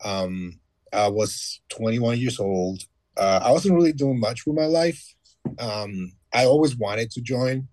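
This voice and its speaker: A man's voice: mid-range voice, expressive, slow pace, darkish tone, no echo. Matter-of-fact man, thirties, dry sound. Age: 30s. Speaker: guest, former Marine. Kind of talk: casual conversation.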